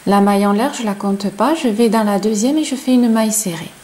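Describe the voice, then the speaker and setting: A woman with a non-native French accent, teaching crochet step by step and counting stitches aloud in a chatty, soft-spoken way. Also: mid-range voice, brisk, poor audio. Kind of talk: slow step-by-step tutorial.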